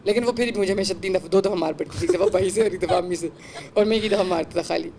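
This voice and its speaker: A man's voice: high-pitched, darkish tone, slight background noise. A young man hosting a podcast, telling a rambling story in casual chat and mixing English words into his speech. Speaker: podcast host.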